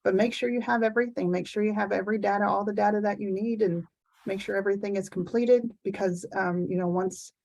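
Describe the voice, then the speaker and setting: A woman's voice: mid-range voice, fairly even intonation, quick pace, vocal fry, darkish tone, low-quality recording. A woman grant program officer speaking up in an online meeting, giving earnest, emphatic reminders about deadlines.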